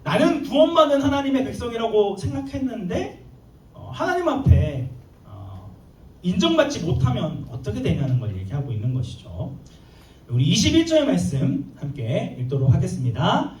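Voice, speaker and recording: A man with a high, animated voice preaching to teenagers, swinging his pitch up and down as he acts out scenes. He sounds a little distant from the mic, and the church hall around him is echoey. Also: normal speed. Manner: lively, plays out dialogue with comic asides. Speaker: youth pastor. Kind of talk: sermon.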